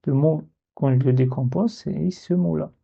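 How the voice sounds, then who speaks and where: A man teaching Arabic letter reading in a slow step-by-step lesson, patiently spelling out syllables and repeating them. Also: fairly high pitch, creaky, warm tone, breathy edge, dull audio.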